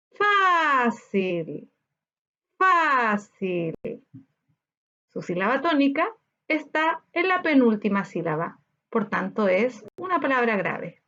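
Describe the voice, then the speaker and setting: A woman teacher with a Chilean Spanish accent, giving a recorded lesson and sounding out syllables slowly. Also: fairly high pitch, big pitch swings, lo-fi sound. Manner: slow, sounds out syllables in a drawn-out voice.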